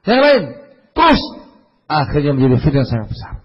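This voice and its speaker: Male preacher, raised voice, husky; animated storyteller, dull lo-fi recording. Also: a little high, brisk, long reverb tail. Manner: animated storytelling with big swings between loud and murmured asides. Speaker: Islamic preacher. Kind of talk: religious lecture.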